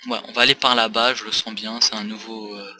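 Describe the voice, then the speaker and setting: A man's voice: lowish voice, flat delivery, brisk, sharp tone, soft background music. A tired man rambling through casual gaming commentary with many hesitations, recorded on a desk mic for a facecam. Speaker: let's play host.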